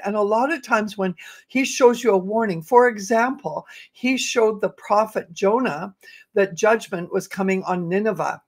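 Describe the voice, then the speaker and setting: Older lady host doing a prayer show talk, medium pitch, measured short phrases. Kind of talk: devotional talk to an audience. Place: indoor room, video call. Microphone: video call microphone.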